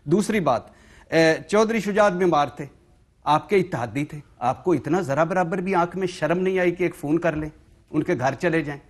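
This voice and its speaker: Angry man firing rhetorical questions. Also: a little high. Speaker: journalist guest. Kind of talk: heated talk-show debate.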